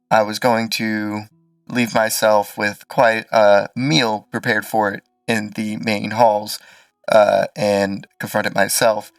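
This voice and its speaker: Halting male game master, creaky voice. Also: on the low side, a bit bright, no echo, recorded from a distance. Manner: hesitant, halting delivery. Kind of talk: improvised tabletop game narration.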